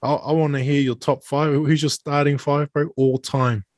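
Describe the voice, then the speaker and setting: Kiwi bloke hosting, dry close sound. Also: male voice, on the high side, level tone, normal speed, no room sound. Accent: broad New Zealand. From New Zealand. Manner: slangy, sweary, matey. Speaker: podcast host. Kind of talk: casual chat.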